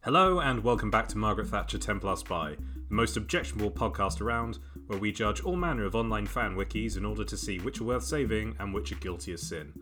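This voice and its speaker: A man's voice: lowish voice, lively intonation, quick pace, sharp tone, soft background music. A man hosting a comedy podcast, with a dry, joking delivery. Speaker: podcast host. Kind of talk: casual podcast chat.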